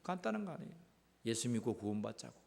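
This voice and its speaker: A middle-aged male pastor, preaching emphatically in a church and swinging between loud calls and low asides. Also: sing-song, quick pace, gravelly. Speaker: senior pastor. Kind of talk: sermon. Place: church sanctuary. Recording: church hall reverb.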